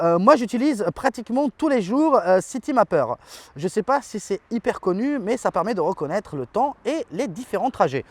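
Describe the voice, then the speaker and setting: A man's voice: high voice, darkish tone, dry recording. A man, chatting casually as a tech video host reading viewer comments, loose and informal with frequent fillers and slang. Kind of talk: casual chat.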